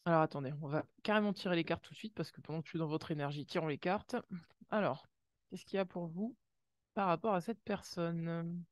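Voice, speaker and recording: A woman with a lowish voice, talking fairly quickly, gives an intuitive oracle card reading in a dry, studio-quality recording. Her manner is exclamatory: frequent gasped "wow"s, little sound effects, and warm second-person address to the viewers.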